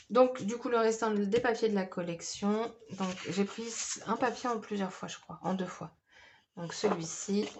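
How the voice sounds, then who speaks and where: Lady rambling through her scrapbook haul, lots of ums, bit of hiss behind. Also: mid-range voice. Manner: chatty, hesitant, many fillers. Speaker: scrapbooking vlogger. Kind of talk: casual haul video.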